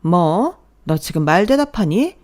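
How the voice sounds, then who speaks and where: A woman's voice: on the low side, very animated, a little slow, a little mellow. A woman voicing a nagging, sarcastic older mother-in-law who belittles her daughter-in-law. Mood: indignant. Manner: sneering, belittling.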